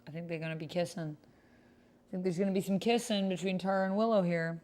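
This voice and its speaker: Playing a text-based roleplaying game on stream, a woman chats casually and gushes sentimentally while reading out what she types. She speaks briskly, with a fairly low pitch, fairly even intonation and a darkish tone. Keyboard typing is audible against clear background noise.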